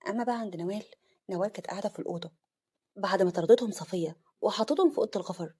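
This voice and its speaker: A woman with an Egyptian Arabic accent narrating a family drama story in a quick, dramatic reading style. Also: mid-range voice, darkish tone, husky.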